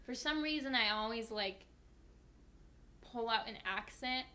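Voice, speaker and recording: Bright-voiced young woman telling stories. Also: a little high, measured pace. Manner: lively, heavy use of "like" fillers. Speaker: guest. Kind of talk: casual storytelling.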